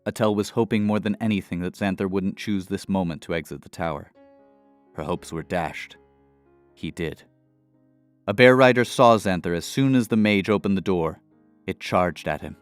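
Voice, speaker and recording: With a deep, smooth voice, a male storyteller narrates a scripted fantasy adventure in a measured, dramatic manner. The recording is dry, close and echo-free, with music running underneath.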